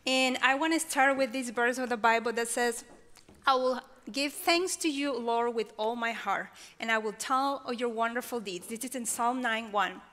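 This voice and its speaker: Bright-voiced woman with a Peruvian accent. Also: fairly high pitch, moderate pace. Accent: Peruvian Spanish. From Peru. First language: Spanish. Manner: expressive, gestures while speaking. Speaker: chapel speaker. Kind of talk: personal testimony talk. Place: large auditorium stage. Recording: long reverb of a large hall.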